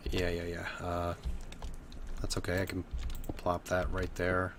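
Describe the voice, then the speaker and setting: A man's voice: low voice, completely flat delivery, a little slow, background noise. A man in his thirties, a bit drunk, giving rambling, profane live commentary while playing a game from his bedroom. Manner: rambling, swearing, laughing often. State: tipsy from drinking. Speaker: streamer. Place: home bedroom.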